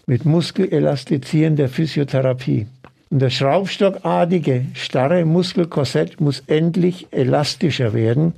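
Gravelly, mellow-voiced male practitioner. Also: a little high. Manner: earnest, measured explaining. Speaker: osteopathic practitioner. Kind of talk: explanatory interview answers.

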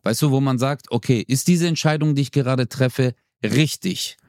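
A laid-back man chatting on a podcast in a slangy, easygoing way, now and then acting out what people say. His voice sits at an ordinary middle pitch. The recording is dry and close, with no room sound. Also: normal speed, darkish tone, dry recording. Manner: laid-back, slangy, acts out quoted lines. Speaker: podcast co-host. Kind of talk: casual chat.

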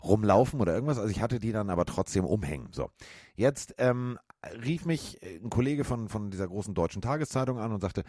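Middle-aged male co-host, lively low voice, dry close sound, animated storyteller. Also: fairly quick, dry recording. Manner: animated, acts out quoted voices, many fillers. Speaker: podcast co-host. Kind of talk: casual storytelling chat.

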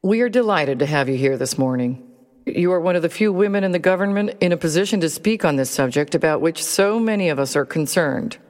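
A woman's voice: deep voice, fairly quick, darkish tone, long reverb tail, natural voice. A woman voicing a congresswoman who chairs a hearing, formal and welcoming, reading from a transcript. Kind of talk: reading historical testimony.

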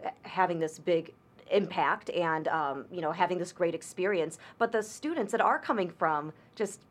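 Woman, podcast host, casual interviewer, affirming, slightly low pitch. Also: normal speed. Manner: conversational, affirming with frequent mm-hmms.

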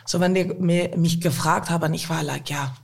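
A woman in her twenties with a Dutch accent, answering casually as a guest and haltingly searching for words. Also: low-pitched, steady tone, vocal fry. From Netherlands. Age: 20s. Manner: halting, searching for words in a newly learned language. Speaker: guest, model. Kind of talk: casual interview chat.

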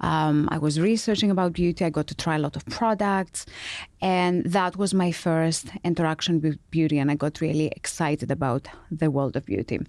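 Middle-aged woman from Greece, low and dry, relaxed anecdotal delivery. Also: moderate pace, dry recording. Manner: storytelling, with fillers. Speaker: guest entrepreneur. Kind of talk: interview conversation.

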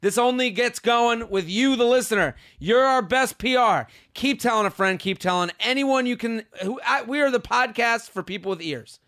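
An extremely high-pitched, slightly bright male voice opens a comedy podcast at a moderate pace with few pauses. He's exuberant, repetitive and self-hyping, casually plugging the show to his listeners in a high-energy intro.

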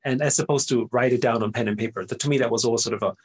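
A middle-aged Austrian man, a native German speaker, chats casually as an entrepreneur guest in an interview. His mid-range voice races along with a breathy edge. He rambles, fills gaps, restarts often, and keeps ending sentences with "right?"

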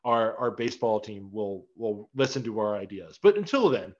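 Rambling loosely with lots of fillers, a young man hosts a laid-back sports podcast chat. His lowish, darkish voice is animated and moves at a moderate pace. The lo-fi recording is slightly dull.

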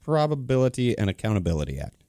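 Male co-host, deep and animated, wry and joking, relaxed conversational delivery. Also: fast, dry recording, studio quality. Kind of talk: casual banter.

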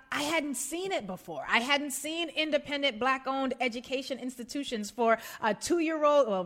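A woman hosting a radio talk show, her voice bright and forceful. She speaks effusively, smiling as she talks and laughing often. Her voice sits a little high for a woman. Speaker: radio host. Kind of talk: warm on-air introduction and interview.

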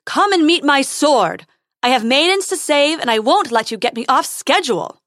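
Woman playing a loud, pompous young prince. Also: high voice, lively intonation, normal speed, no echo, studio quality, voice pushed up. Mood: boastful. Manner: loud, declaiming.

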